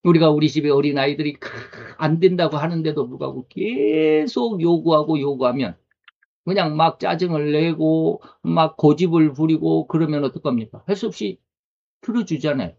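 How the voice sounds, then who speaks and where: Guy preaching, kinda high voice, talks to the crowd like a chat, asks questions, muffled lo-fi sound. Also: moderate pace, vocal fry, darkish tone. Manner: conversational preaching with rhetorical questions. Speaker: pastor. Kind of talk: sermon. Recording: dull lo-fi recording.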